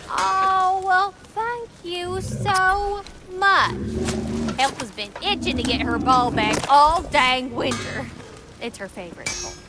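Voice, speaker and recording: A woman's voice: on the high side, moderate pace, close to an everyday voice. A woman playing a chatty, cheeky dwarf woman smith with a folksy, informal way of talking. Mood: cheery. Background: game music.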